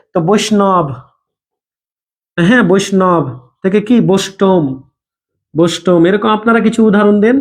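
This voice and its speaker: A man's voice: high voice, darkish tone. A man teaches a live online grammar class. He repeats each point and thanks students by name as he goes. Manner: repetitive, checks in with students by name.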